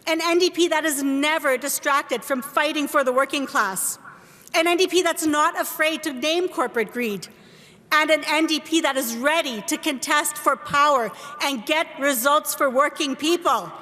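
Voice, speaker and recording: A woman's voice: high-pitched, bright, forceful tone. A woman giving a rousing, emphatic rally speech at a party convention, recorded in a large hall. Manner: emphatic, rallying, slows for key phrases. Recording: long reverb of a large hall.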